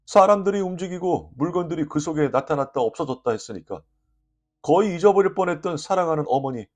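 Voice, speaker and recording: A man reading a short story aloud as an audiobook narrator, lively and expressive, voicing the dialogue. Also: fairly high pitch.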